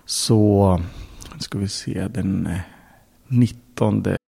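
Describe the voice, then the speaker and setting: A man's voice: low voice, steady tone, warm tone, soft background music. A man, a podcast guest, telling a story in casual speech, bluntly, with swearing and acted-out quotes. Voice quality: gravelly, husky.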